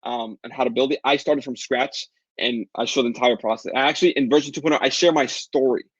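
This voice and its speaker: A man with a Latin American Spanish accent rattles through a live webinar Q&A, upbeat and pushy like a sales pitch. His voice is a little husky, and he talks quickly. The audio is dry and a bit muffled. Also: steady tone, no room sound. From Caribbean. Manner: fast, upbeat sales pitch answering chat questions. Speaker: online course seller hosting a webinar.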